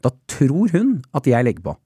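Man, husky voice, very lively pitch, animated storyteller, casual radio chat, dry studio sound. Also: dry recording. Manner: animated storytelling, frequent laughter. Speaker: guest storyteller.

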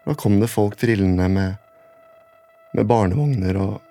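A man with a low, gravelly voice recounts his story for a radio documentary. He talks haltingly, repeats himself and chains his clauses together one after another. Soft music plays faintly behind him. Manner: halting, repetitive, strings clauses together with "and then". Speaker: interviewee recounting a personal event. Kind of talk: spoken recollection in a radio documentary.

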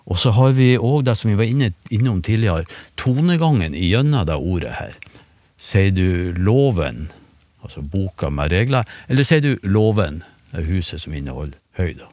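Man, deep voice, dry studio sound, relaxed explaining, lots of fillers. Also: no echo. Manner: relaxed, hesitant, many fillers and restarts. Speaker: phonetics expert. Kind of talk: explanatory radio conversation. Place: radio studio.

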